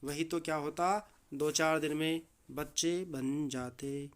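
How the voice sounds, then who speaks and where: A man's voice: a little high, steady tone, slow, smooth. A man teaching a lesson, reading a story aloud and explaining it, often repeating key words as questions for the students. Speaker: Hindi teacher.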